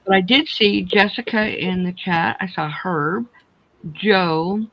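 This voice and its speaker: A woman's voice: fairly low pitch, slow, dull audio. A woman hosting a casual crochet livestream, chatting in a rambling way, speaking without her teeth in. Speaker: host of a crochet chat livestream.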